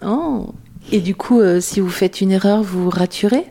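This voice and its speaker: Mellow-voiced woman radio host. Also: mid-range voice, normal speed, gravelly. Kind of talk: radio interview.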